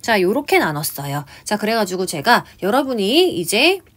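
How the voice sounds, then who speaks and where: A woman's voice: medium pitch, very animated, moderate pace. A woman lecturer giving an online exam prep lesson, talking through a table step by step and putting questions to her students. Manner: keeps starting lines with a prompting "ja", asks the class questions.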